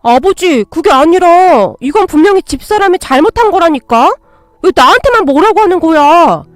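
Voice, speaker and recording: A woman's voice: high-pitched, very animated, moderate pace, no room sound. A woman doing a bickering young husband. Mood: angry. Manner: bickering, snapping, then pleading. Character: quarrelsome young husband, petulant and defensive.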